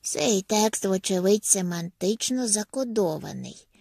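Woman reading as a calm analytical man, measured explaining, husky gravelly tone, audiobook. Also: high-pitched, no echo, studio quality, heavily acted.

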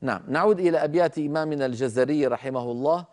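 A man teaches the rules of Quran recitation in a recorded lecture, with a voice pitched a little higher than most men's. He explains carefully and unhurriedly, repeating key words and pausing on drawn-out fillers as he walks through each example. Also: darkish tone. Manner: slow, deliberate explaining with repetitions and drawn-out fillers.

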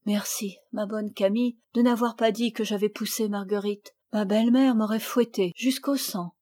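A woman reading aloud, voicing a bratty little girl who is quick to anger, in a storybook. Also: fairly even intonation, dark tone, lightly acted. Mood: whispering gratitude. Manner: shrill, shrieking complaints.

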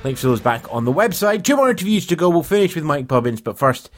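A man's voice: fairly high pitch, over loud music. A Scottish man hosting a festival podcast, bantering with guests and reading a review roundup in a studio. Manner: animated, quick to laugh and banter. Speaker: podcast host.

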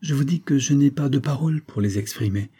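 A sorrowful young vampire woman from an audiobook, pleading and soft, her voice lifted well above a low husky base, as a man reads her part. The tone stays dark and mellow, with a breathy edge. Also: fairly quick, close to an everyday voice. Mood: melancholy, pleading.

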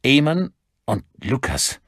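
A man doing an icy, deliberate vengeful gunman. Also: medium pitch, very animated, a bit bright, no echo, studio quality, pitched above the performer's own voice, heavily acted. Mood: cold. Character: cold vengeful older man with a gun.

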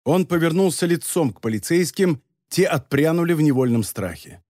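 A man giving a measured, expressive reading of a dramatic novel as an audiobook narrator. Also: a little high, no echo, studio quality.

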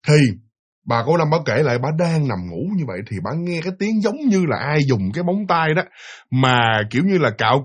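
A man narrating a ghost story in an animated, dramatic way, speaking directly to his listeners. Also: on the high side, slightly rough.

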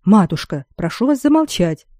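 A woman's voice: medium pitch, very animated, moderate pace, warm tone, no echo, studio quality. A woman reader voicing an exasperated young nobleman who pleads with his mother and sister to stop. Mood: pleading. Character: torn young nobleman brother, head of family.

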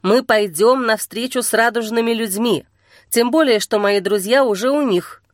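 A woman reading an audiobook and voicing a calm young man who talks slowly and steadily to soothe a frightened girl. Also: a little high, dry recording, clean studio sound, natural voice. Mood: coaxing. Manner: slow, steady, gently coaxing.

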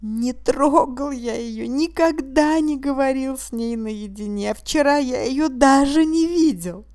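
A woman reading the part of a meek, tearful accused man who pleads slowly and sometimes drops to a whisper. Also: mid-range voice, no room sound, clean studio sound, close to an everyday voice. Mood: bewildered. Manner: tearful, pleading and quietly insistent, slipping into a hushed whisper. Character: weepy, meek male mechanic accused of a crime.

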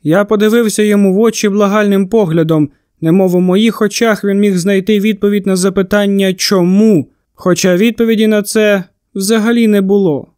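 High, clear male audiobook narrator. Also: fairly even intonation, brisk, hardly any pauses, a little mellow, dry recording, studio quality. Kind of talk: first-person storybook narration.

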